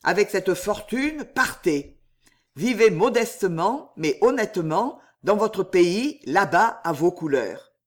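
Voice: mid-range voice, big pitch swings. A reader voicing an ominous prophetic count. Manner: measured, ominous. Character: mysterious count, calm prophet of doom. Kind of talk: audiobook reading.

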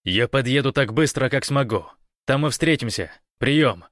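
A man voicing a desperate young man who yells commands over a radio, high and loud, in a dry recording. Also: lively intonation, moderate pace, no echo, close to an everyday voice. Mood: commanding. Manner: shouting, commanding.

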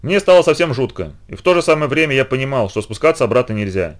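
A man's voice: medium pitch, expressive, quick pace. A man reading a children's story aloud in the first person, with dramatic expression. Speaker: reader.

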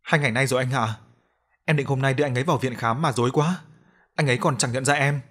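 A worn-out young woman, put on by a male narrator answers softly and politely. Her voice stays close to the narrator's own, as in a spoken storybook. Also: medium pitch, quick pace, natural voice. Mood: troubled.

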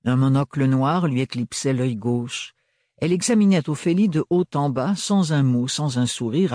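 A man reading a novel aloud as an audiobook in a measured, expressive storytelling manner. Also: medium pitch, no echo, clean studio sound. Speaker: audiobook reader. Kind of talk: scripted audiobook narration.

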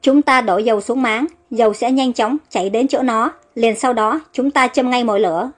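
Sneering villainous servant read by a woman, high voice, soft music underneath. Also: normal speed, lightly acted. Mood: gloating. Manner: sneering, gloating. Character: scheming female servant villain.

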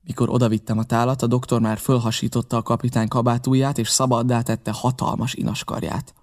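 A man reading a novel aloud in steady, measured narration. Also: mid-range voice. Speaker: audiobook reader.

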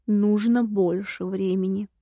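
A woman voicing a hushed, guileless imp. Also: medium pitch, steady tone, unhurried, no room sound, studio quality. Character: shaggy male imp helper, simple-hearted. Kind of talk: audiobook character reading.

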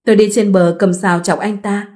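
A woman's voice: mid-range voice, a little fast. Woman telling a first-person story. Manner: steady storytelling. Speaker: story narrator.

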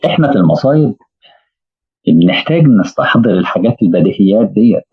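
A man's voice: fairly low pitch, expressive, fast, slightly rough. A man with an Egyptian Arabic accent giving a religious lesson, telling stories and posing rhetorical questions. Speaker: preacher. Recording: tinny phone-like audio.

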